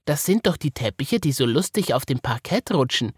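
A man voicing a lively, helpful female toy hare in a children's story, with an Austrian accent and squeaky excitement. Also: moderate pace, breathy edge, dry recording, studio quality. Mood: excited.

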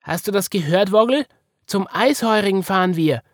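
A man's voice: fairly high pitch, sing-song, measured pace, a little mellow, breathy edge, dry recording, studio quality, pitched above the performer's own voice, full character voice. A man doing a chirpy little girl hare. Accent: Austrian. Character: small female toy hare, curious and fussy.

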